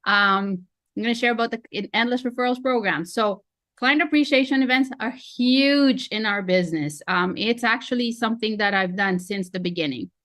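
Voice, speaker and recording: She's a real estate coach from the Philippines, in her forties, chatting and joking at her own expense while teaching a webinar over a video call in a Filipino accent. Her voice runs on the high side with a fairly bright tone, and the recording is dry.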